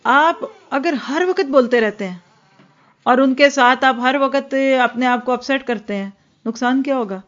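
A woman's voice: sits high, fairly bright tone. A woman giving an earnest religious lecture, acting out little scenes between mothers and children. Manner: earnest, acts out mothers and children in quoted asides. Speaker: religious teacher. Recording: dull lo-fi recording.

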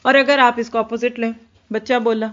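A woman's voice: a little high, little pitch movement, a bit bright. Woman giving a religious talk, lo-fi. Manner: earnest, acts out mothers and children in quoted asides. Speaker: religious teacher. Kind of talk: religious lecture. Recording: dull lo-fi recording.

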